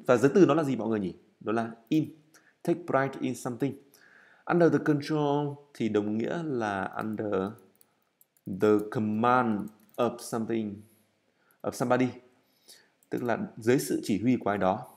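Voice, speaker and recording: A man teaching English in a recorded lesson, explaining step by step while writing, with frequent fillers and self-corrections, and drilling words by repeating them slowly. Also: medium pitch, darkish tone.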